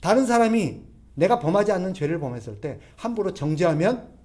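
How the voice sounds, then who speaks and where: A man's voice: high voice, very animated, a little fast, warm tone. A man preaching a conversational sermon as pastor, constantly putting rhetorical questions to the congregation and drawing on everyday examples. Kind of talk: expository sermon.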